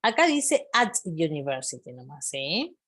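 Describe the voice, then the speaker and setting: A woman's voice: low voice, big pitch swings, measured pace, a bit bright, husky. A woman teaching English vocabulary, patiently repeating phrases and checking in with her students. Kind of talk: explaining vocabulary to a class.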